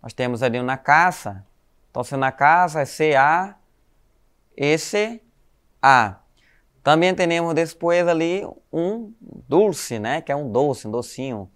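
A man whose voice is a little high, expressive, fairly bright and clean teaches a recorded online Spanish class to schoolchildren in a Brazilian Portuguese accent. Patient and explanatory, he tacks "né?" and "tá?" onto his sentences, calls the kids "galerinha", and spells letters slowly.

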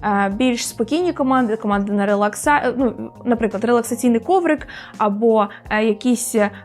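A woman dog trainer explaining in a casual lesson, pausing often on filler sounds and repeating sample words aloud. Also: on the high side, a little mellow. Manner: frequent hesitation fillers, demonstrates words aloud.

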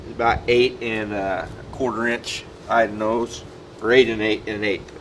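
A fairly low, slightly bright male voice with fairly even intonation comes through on poor-quality audio with a little background noise. Unhurried, the taxidermist walks the camera through an outdoor job on concrete by a building, thinking aloud in a plainspoken, filler-heavy way.

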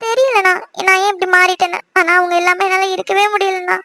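A woman voicing an emotional young married sister in an animated cartoon, pleading and tearful. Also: very high voice, dry recording, exaggerated voice. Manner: pleading and tearful, quick chatter.

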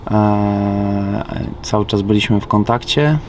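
A man's voice: fairly low pitch, flat delivery, takes it slowly. A man in his thirties from Poland, a basketball player answering interview questions in a casual, hesitant way with many fillers and restarts, from the back seat of a car. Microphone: camera mic inside the car. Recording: loud road noise.

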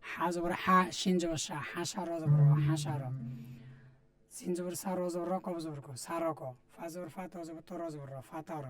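This is a Quran reading lesson: a man with a Bangladeshi Bengali accent patiently spells Arabic letters and vowel marks, letter by letter. His voice is fairly high and steady, at a normal speed. He talks directly to viewers and repeats often.

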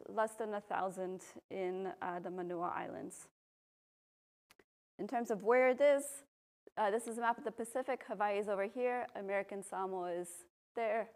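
This is a woman from Belgium, a volcanologist, presenting a public lecture in a university room. She stands at a podium microphone, sounds relaxed and uses lots of ums, her voice sits in the mid range, and a far camera captured it.

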